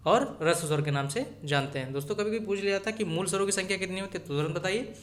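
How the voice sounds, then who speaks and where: Higher-voiced man teaching, repeating key points. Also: rapid-fire. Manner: repeats key points, addresses viewers as friends. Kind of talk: exam-prep lecture.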